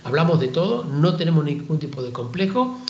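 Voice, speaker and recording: A man gives an informal religious lesson in a thoughtful way, often hesitating and pausing to ask the listeners rhetorical questions. His voice sits a little high in the register. The recording is dull and lo-fi, with a noticeable roomy echo. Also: very animated, slight background noise. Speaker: Talmud teacher.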